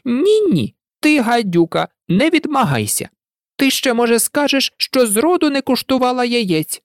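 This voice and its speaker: A reader voicing a frantic, shrill female pigeon who scolds and shrieks in a storybook recording. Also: very animated, unhurried, no room sound, studio quality. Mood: scornful. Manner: scolding, indignant, breaking into cries. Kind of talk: audiobook reading.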